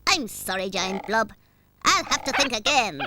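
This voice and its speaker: A woman's voice: fairly high pitch, lively intonation, moderate pace, background noise, close to an everyday voice. A woman voicing a kind, helpful creature in a children's cartoon, soothing and encouraging. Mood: sympathetic. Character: kindly, reassuring, helpful cartoon blob.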